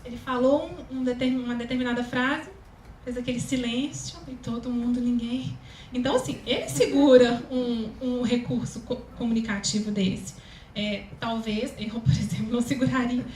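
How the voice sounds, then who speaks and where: A woman with a Brazilian Portuguese accent and a very high, thin voice gives a chatty talk as a communication consultant, with many fillers. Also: moderate pace, darkish tone. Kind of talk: public talk to an audience. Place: event hall, live audience. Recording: echoey room, faint ambient noise.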